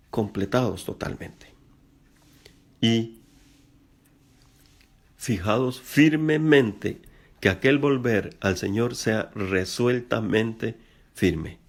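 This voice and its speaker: A middle-aged man preaching a sermon earnestly, spelling out words slowly and addressing his listeners directly. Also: on the low side, vocal fry. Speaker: pastor.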